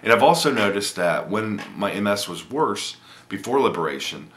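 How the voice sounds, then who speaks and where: A man's voice: on the low side, very animated, normal speed, fairly bright tone, slight background noise. A man, giving a casual, rambling video update with lots of ums and restarts. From Indiana, USA. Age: 30s. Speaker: vlogger.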